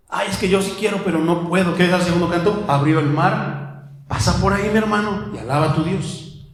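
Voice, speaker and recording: A man preaching a sermon as pastor, animated, firing rhetorical questions and calling listeners "my brother". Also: sits high. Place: church hall. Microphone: handheld microphone. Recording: very echoey church hall.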